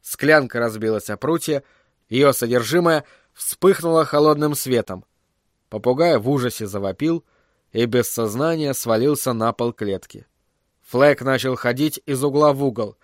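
A man reading a fantasy story aloud in a measured, even storyteller's voice. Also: medium pitch, no room sound, studio quality. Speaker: audiobook narrator. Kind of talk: scripted storybook narration.

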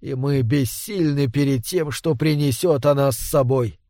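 A man's voice: mid-range voice, measured pace, mellow, dry recording, studio quality, natural voice. A man voicing a desperate, anguished husband pleading for help against a vampire. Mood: weary. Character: desperate middle-aged man haunted by a vampire. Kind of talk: audiobook character reading.

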